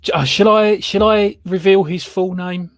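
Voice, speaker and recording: British male co-host, slightly high, dry-humoured, casual live-stream chat. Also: steady tone, normal speed, no room sound. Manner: dry, teasing banter. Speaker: podcast co-host.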